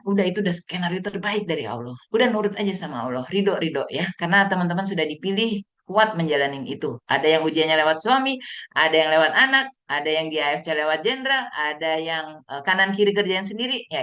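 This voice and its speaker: A woman's voice: lowish voice, animated, a little fast, sharp tone. A woman giving an online motivational training talk over a video call, speaking conversationally and acting out the people she quotes in raised voices.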